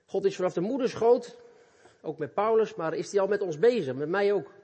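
A man delivering an earnest, animated sermon, turning often to speak straight to the young people listening. His voice sits a touch high and carries a slight husk. The sound hangs in the long reverb of a church hall. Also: a little fast, breathy edge. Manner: earnest, animated, addresses youth directly. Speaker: preacher.

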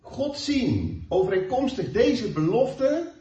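Male preacher, lively and emphatic, heard from a distance in a dull, echoey church hall. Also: high voice. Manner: emphatic, swings from slow stressed phrases to quick asides. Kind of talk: sermon.

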